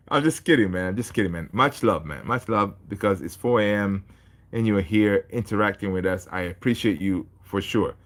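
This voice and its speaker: A man's voice: lowish voice, moderate pace, fairly bright tone. A man from Tanzania hosting a casual football livestream, chatting with viewers in a laid-back, chummy way and reading their comments aloud. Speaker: football channel host.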